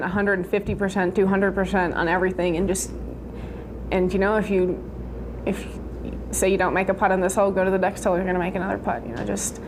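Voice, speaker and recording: A teenage woman answering informally in a sports interview, in a hesitant, rambling way. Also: medium pitch. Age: teens. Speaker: golfer being interviewed. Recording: noisy interview recording.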